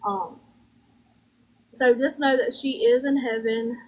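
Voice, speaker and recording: A woman's voice: fairly high pitch, a little mellow, slight background noise, poor audio. Southern woman medium with a drawl. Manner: Southern drawl with folksy, halting, repetitive phrasing. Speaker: medium giving spirit readings. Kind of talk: conversational psychic reading.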